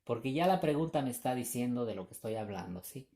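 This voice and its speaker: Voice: medium pitch, lively intonation, fast, warm tone. An English teacher giving a recorded grammar lesson, explaining patiently, repeating examples and often checking whether students follow.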